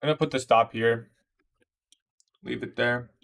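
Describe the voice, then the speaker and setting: Unhurried and gravelly yet fairly bright, this man's medium-pitched voice keeps a steady tone. He's a twenty-one-year-old day trader from Iraq running a livestream, breaking down his trades and replying to chat in a laid-back, slangy way while calling everyone "bro."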